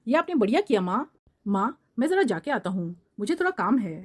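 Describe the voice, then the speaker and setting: A meek grown son in a cartoon, voiced by a woman lowering her voice. He is obedient to his mother and speaks quickly, his pitch swinging up and down. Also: sing-song, noisy background, lightly acted.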